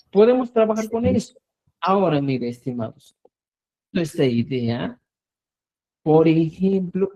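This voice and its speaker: A man leads a language lesson at an unhurried pace. His voice is mellow and soft-edged, and his pitch moves a lot as he repeats words and checks in with his students. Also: dull audio. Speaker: Quechua language teacher.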